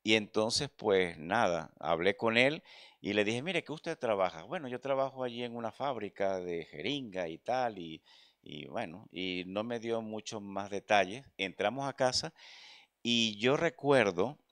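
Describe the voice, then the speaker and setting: A man's voice: on the low side, expressive, measured pace, fairly bright tone, dry recording. Earnest preacher man, dry close sound. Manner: earnest, addresses listeners as brother. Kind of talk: sermon with personal testimony. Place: church.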